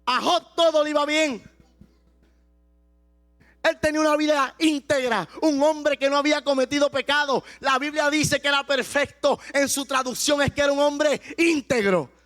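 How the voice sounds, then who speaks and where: A pastor preaching a sermon with passion, at times slowing down and shouting for emphasis. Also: male voice, very high voice, steady tone, soft background music.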